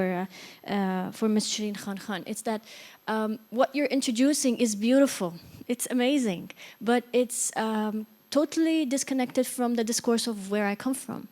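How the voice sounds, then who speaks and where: Woman from Egypt, seminar audience member, high-ish voice, earnest, halting with fillers. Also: a little mellow. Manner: hesitant, many fillers, earnest. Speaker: audience member asking a question. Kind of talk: hesitant spoken question at a seminar.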